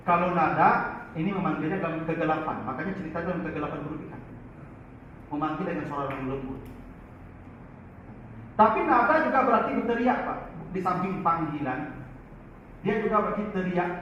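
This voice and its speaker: A man gives a Quran study lecture in a lively, high-pitched voice, often turning to his listeners. He sounds far from the mic in a very echoey hall. The recording is dull and lo-fi, with faint noise. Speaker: religious teacher.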